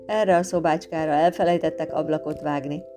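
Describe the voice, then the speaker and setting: A woman narrating a storybook tale in a lively, expressive reading, with guitar music behind. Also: low-pitched.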